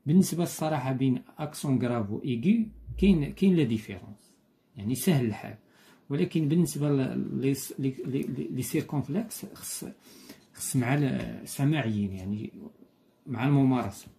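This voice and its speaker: A man with a Moroccan Arabic accent teaching a school lesson, patiently repeating key points and reading examples slowly. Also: medium pitch, animated, gravelly, mellow.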